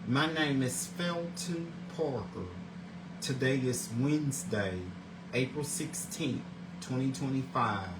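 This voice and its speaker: A man's voice: medium pitch, slow pace, background noise. A man in his forties hosting his own daily video show, earnest and religious in his greetings, often repeating and restarting words as he reads. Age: 40s. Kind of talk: casual scripted vlog, reading segments aloud.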